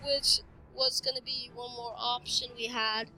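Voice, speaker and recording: High bright-voiced woman commenting a game. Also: little pitch movement, unhurried, low-quality recording. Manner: chatty play-by-play of own match. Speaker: gameplay commentator.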